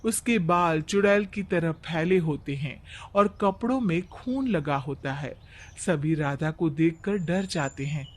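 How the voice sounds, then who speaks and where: A man's voice: fairly high pitch, measured pace. A man narrating a scripted moral story.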